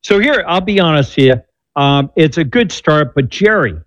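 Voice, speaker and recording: A man's voice: a little high, lively intonation, moderate pace, dry recording. Man in his 60s coaching callers, upbeat and a bit preachy, dry dull sound. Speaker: doctor guest answering callers. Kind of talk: call-in show advice.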